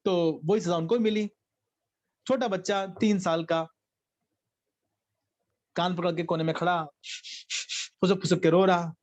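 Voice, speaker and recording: A middle-aged man preaches and tells a story in a fairly high voice. He mixes Hindi with English phrases as he speaks. The sound is a little dull and lo-fi. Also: steady tone, unhurried, pauses often, a little mellow. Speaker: bishop preaching a Bible study. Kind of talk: sermon.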